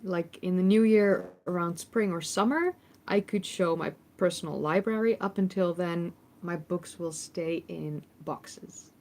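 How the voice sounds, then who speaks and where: A Dutch woman in her thirties, a history YouTuber, hosts a casual livestream Q&A from a temporary room in a family home, reading chat questions aloud into a phone microphone. Her voice sits on the low side with a darkish tone, and she speaks unhurriedly. She's chatty, with plenty of ums and restarts.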